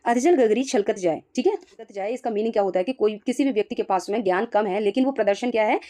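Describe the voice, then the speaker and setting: A woman's voice: a little high, quick pace, dark tone. A woman teacher working through exam questions one by one and explaining each answer, often putting rhetorical questions to herself and confirming with "ठीक है.".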